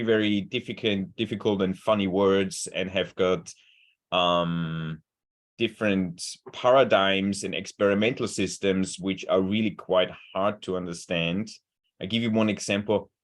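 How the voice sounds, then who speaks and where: Over a video call, a cancer researcher gives a webinar talk in a very low voice. He speaks German as his native language and has an Austrian accent, and his earnest delivery features frequent repeated words as he searches for the right phrasing.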